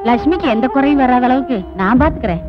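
A woman's voice: high-pitched, animated, fast. A woman playing a mother-in-law who promises to look after the bride, in an assuring manner. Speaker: groom's mother. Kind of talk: dubbed film drama. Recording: dull dub over loud film music.

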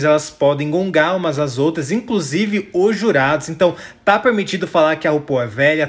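A man's voice: a little high, a bit bright. A man with a Brazilian Portuguese accent giving chatty, opinionated reaction commentary to his viewers, often tossing in tag questions. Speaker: YouTube commentator.

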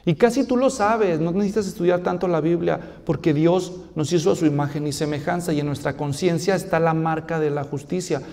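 A man's voice: a little high, fairly even intonation, a little fast, hardly any pauses, a little mellow, long reverb tail. A male pastor preaching a sermon, telling a story and asking rhetorical questions.

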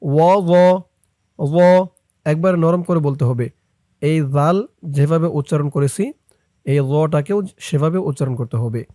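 A man with a Bangladeshi accent teaches Quran reading, breaking words into letters and reciting them slowly and drawn out. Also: warm tone, no room sound, studio quality. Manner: spells out letters, then recites drawn out and higher. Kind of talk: slow syllable-by-syllable recitation lesson.

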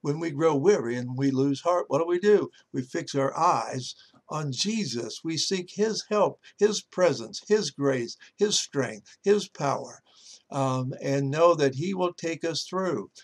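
A man's voice: fairly high pitch, expressive, a little slow. Folksy man giving a devotional talk. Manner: folksy storytelling with many fillers. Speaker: pastor.

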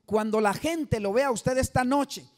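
A man with an extremely high, slightly mellow voice preaches at a measured pace. His evangelistic sermon, given at a live church service, is emphatic, and he quizzes the congregation for answers.

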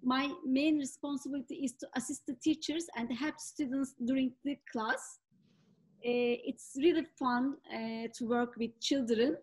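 A Turkish woman guest artist speaking careful, slightly halting English on a video call, with many fillers. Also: high voice, steady tone, slightly rough, rough recording. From Turkey.

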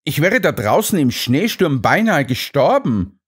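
A man's voice: a little high, very animated, measured pace, husky, pitched above the performer's own voice, full character voice. A man voicing an earnest, indignant doctor companion in an audiobook. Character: earnest, put-upon male doctor companion.

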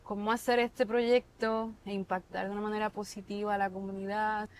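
Speaking fairly quickly at medium pitch with a level tone, a chef in her thirties from Puerto Rico answers interview questions. Her Puerto Rican Spanish accent comes through as she thinks aloud with many restarts and fillers, miked with a lapel mic on an outdoor patio.

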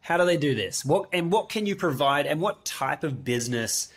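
A man's voice: a little high, lively intonation, moderate pace, fairly bright tone. A man hosting a podcast, talking casually and encouragingly with rambling asides. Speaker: podcast host.

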